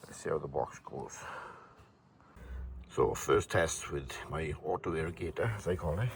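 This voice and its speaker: Male hobbyist demonstrator, low and creaky, matter-of-fact and casual, recorded amid ambient noise. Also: moderate pace. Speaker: hobbyist demonstrating a homemade gadget. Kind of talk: casual hands-on demonstration commentary. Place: shed and garden, partly outdoors.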